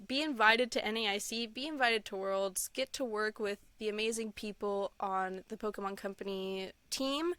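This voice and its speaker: On a podcast, a woman guest who is a content creator chats casually in an interview, gushing, laughing often, and filling her speech with "like" and "um." Her voice is on the high side with a fairly bright, clean tone and no room sound.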